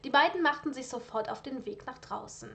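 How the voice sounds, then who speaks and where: A woman reads a story aloud in a lively, casual way. Her voice sits fairly high, and she drops in chatty asides now and then. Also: a little fast, creaky. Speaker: fan fiction reader. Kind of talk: reading aloud.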